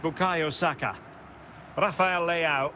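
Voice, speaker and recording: This is a male play-by-play football commentator, recorded in a studio and played back from a game. His voice sits high and sounds bright and ringing. He calls the action in brisk bursts and names the players as the ball moves. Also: slight background noise. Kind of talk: sports commentary.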